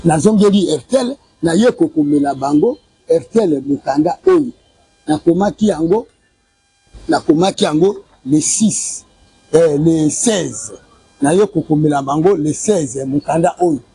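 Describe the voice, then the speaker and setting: This fairly high voice is animated and measured, gravelly yet mellow and husky, captured in a dry recording. A Congolese man in his forties, wearing a lapel mic in a courtyard by a building, gives a street interview insistently recounting a family money dispute. He keeps repeating dates and sums while waving documents.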